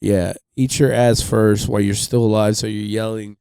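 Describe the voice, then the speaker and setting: Gravelly low-voiced man, rambling story. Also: little pitch movement, moderate pace, dark tone, dry recording, clean studio sound. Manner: rambling, profane, lots of fillers. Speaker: podcast host. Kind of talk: casual storytelling.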